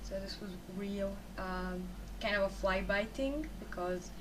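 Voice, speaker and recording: A young Croatian woman, an esports game caster, speaks English as a second language with a Croatian accent in a medium-pitched voice at a measured pace. Recorded from a distance over a noisy background, she gives casual, rambling, chatty interview answers about her work, often restarting and correcting herself.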